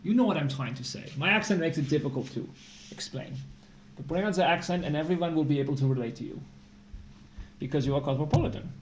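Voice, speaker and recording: A man's voice: fairly high pitch, quick pace, a little hiss or hum. Playful man explaining math on a stream. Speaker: tutor and stream host. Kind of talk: live-streamed tutoring lesson.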